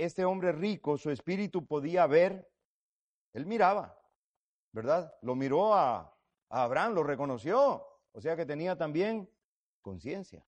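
A man preaching a sermon, swinging between loud fervent passages and low quiet emphasis, often asking the listeners questions directly. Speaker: pastor.

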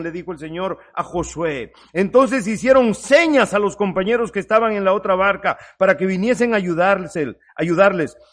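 A man preaching a sermon, swinging between loud urgent peaks and low hushed lines, acting out quoted voices as he goes.

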